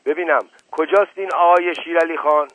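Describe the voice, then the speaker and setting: A man's voice: a little high, steady tone, no room sound, pitched above the performer's own voice, close to an everyday voice. A man voicing a sly, flirtatious nobleman who mutters teasing asides and mock blessings, on a dry, tinny lo-fi radio recording.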